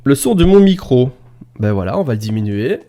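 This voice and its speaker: A man's voice: medium pitch, very animated, brisk, mellow. A Belgian man with a Belgian French accent, casting a live esports match from a home setup into an XLR studio microphone, chatty and joking with his viewers in the chat. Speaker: esports caster. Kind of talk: live game commentary.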